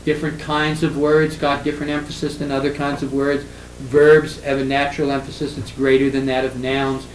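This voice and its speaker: An older man giving a classroom lecture on poetry, halting with fillers and restarts, reading verse lines slowly with heavy stress. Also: mid-range voice, monotone. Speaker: literature professor. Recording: echoey room with faint ambient noise.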